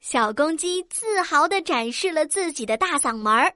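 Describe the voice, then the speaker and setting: A woman narrating a children's story gently and clearly, speaking to young listeners. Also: sits high, expressive, normal speed, no echo, studio quality.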